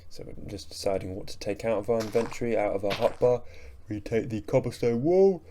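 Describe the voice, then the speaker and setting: A man's voice: fairly low pitch, steady tone, a little fast, dark tone, slight background noise. A young man talking through his gameplay in a sleepy, rambling, self-mocking way, yawning between remarks. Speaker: gaming channel host. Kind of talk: relaxed gameplay commentary voice-over.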